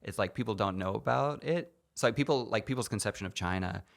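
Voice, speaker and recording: A man with a low, gravelly voice chatting easily on a podcast. He talks in a relaxed, rambling way, laughing often and trailing off mid-thought. His low pitch and rough fry set him apart. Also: fast. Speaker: guest comedian. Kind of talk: casual podcast chat.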